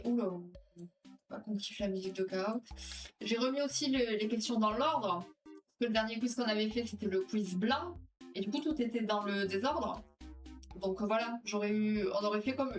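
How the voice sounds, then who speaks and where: Chatty French woman, distant mic. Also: medium pitch. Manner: chatty, rambling, reads viewer comments aloud. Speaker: livestream host. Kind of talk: casual live chat with viewers, running a quiz. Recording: distant mic with music behind.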